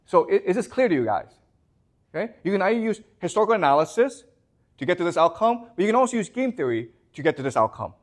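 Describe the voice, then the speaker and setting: A man's voice: high voice, sing-song, fast talker. A man lecturing a class as a professor, often repeating words and constantly checking that the students understand.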